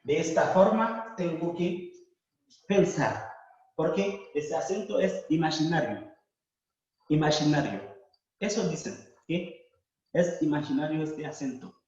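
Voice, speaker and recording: Slow, deliberate man teaching in an echoey room. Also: on the high side, darkish tone. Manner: slow, deliberate, repeats and spells out words. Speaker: language teacher. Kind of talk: classroom lesson. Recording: echoey room, distant mic, dull sound.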